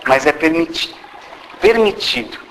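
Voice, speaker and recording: A man's voice: a little high, animated, unhurried, a bit bright. A man giving a spiritist sermon, speaking straight to the audience and asking many rhetorical questions. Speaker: spiritist lecturer. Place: hall of a spiritist centre. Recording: reverberant hall with faint background noise.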